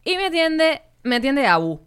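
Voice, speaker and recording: A woman with a Venezuelan accent hosting a podcast, telling stories in animated, slangy casual chat. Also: high voice. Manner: animated, rapid storytelling with slangy asides. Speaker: podcast host.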